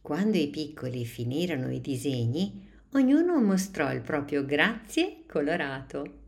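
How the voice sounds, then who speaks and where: Woman storyteller, low voice, very slow and calm children's story narration. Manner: slow, calm, measured reading.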